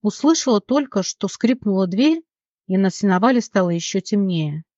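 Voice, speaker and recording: Steady, dramatic audiobook narrator. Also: medium pitch, normal speed, dry recording. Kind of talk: scripted fantasy novel narration. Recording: dull dry recording.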